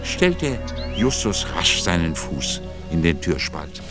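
Brief: dramatic radio-play narrator, male, low voice with lively melody, clear music bed behind. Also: slow.

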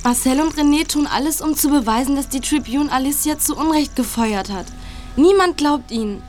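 An actress playing a shy, tearful young woman in a German radio drama, talking softly and hesitantly. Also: sits high, moderate pace, faint music behind, natural voice. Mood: pleading. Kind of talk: German radio-play acting.

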